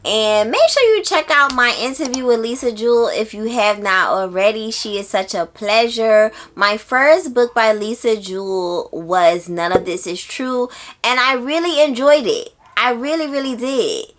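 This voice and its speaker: In a fairly high, unhurried voice, a woman who makes book videos speaks informally to viewers, peppering her talk with slang and emphatic, expressive repetition.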